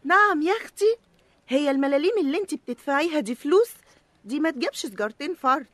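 A woman plays a sassy, streetwise ration card who scolds the others. Her voice sits high and moves quickly. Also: lively intonation, a bit bright, dry recording. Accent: Egyptian.

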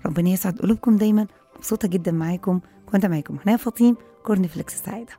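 A woman with an Egyptian Arabic accent hosting a radio show, brisk, playful and chatty. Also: medium pitch, warm tone, soft background music. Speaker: radio host. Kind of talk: upbeat radio presenting. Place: radio studio.

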